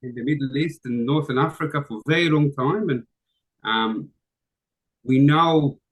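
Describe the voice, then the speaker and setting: Speaking in a mid-range voice at a moderate pace, a middle-aged Israeli man joins a call as a guest for a casual conversation. He's laid-back but hesitant, with plenty of ums and false starts, and the audio is poor.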